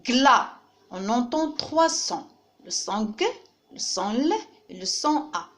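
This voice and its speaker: A woman teacher gives a French phonics reading lesson to young children, patiently repeating each word and breaking it into syllables. Her voice is a little high and animated, and she takes things slowly.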